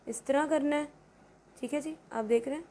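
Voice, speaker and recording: A woman's voice: high-pitched, normal speed, mellow. A woman hosting a casual makeup tutorial, chatty and often checking in with "okay". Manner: chatty, repeats "theek hai" often. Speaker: makeup vlogger.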